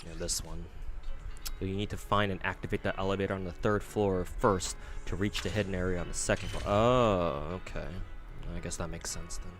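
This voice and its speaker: A gaming streamer rambles casually during a livestream, swearing and packing his talk with "like." His voice sits low, with a steady tone and moderate pace, over game music.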